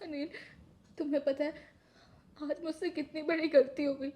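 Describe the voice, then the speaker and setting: A woman playing a shrill, short-tempered housewife. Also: flat delivery, normal speed, mellow, lightly acted. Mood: tearful. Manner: scolding, shrill, then tearful. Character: short-tempered housewife who turns remorseful. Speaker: actress in a short drama.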